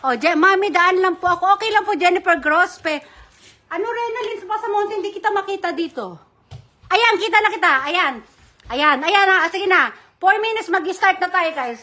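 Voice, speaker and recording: Woman, live-stream host, casual chatty shout-outs, sharp bright tone, very high voice. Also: moderate pace. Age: adult mother. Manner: chatty, reads viewer comments and gives shout-outs. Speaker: livestream host running a giveaway.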